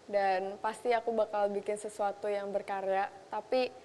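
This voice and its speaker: A woman's voice: medium pitch, level tone, moderate pace, warm tone, long reverb tail. A young Indonesian woman, a makeup artist, chatting casually in a talk show interview and mixing in English phrases. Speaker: makeup artist and content creator.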